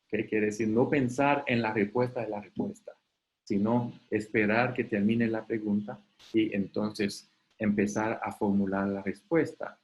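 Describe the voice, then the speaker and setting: Spanish-speaking man teaching in a relaxed, chatty way. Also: fairly low pitch, a little slow, rough recording. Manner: conversational, often tags sentences with "¿ok?". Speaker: webinar facilitator. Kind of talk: live online talk.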